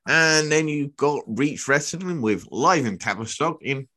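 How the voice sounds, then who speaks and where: An English man co-hosting a podcast, reading event cards with quick joking asides in a casual news roundup. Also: a little high, expressive, sharp tone. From England. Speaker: podcast co-host.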